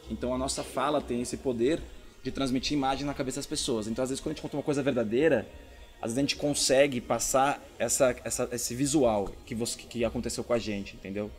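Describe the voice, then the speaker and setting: A man with a Brazilian accent, a comedian explaining things casually in an interview, repeating words for emphasis. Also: medium pitch. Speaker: stand-up comedian being interviewed.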